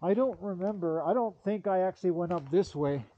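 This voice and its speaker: A man's voice: sits high, brisk, lo-fi sound. A man narrating to himself while skiing through a snowy forest, filmed on a pole-mounted action camera, with breathless running commentary and cursing at branches. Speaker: backcountry skier filming himself.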